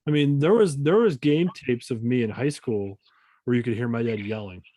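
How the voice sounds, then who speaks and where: A man in his thirties from Maine, a podcast host telling rambling high school basketball stories in casual chat, swearing now and then. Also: moderate pace, mellow, a little hiss or hum, poor audio. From Maine, USA.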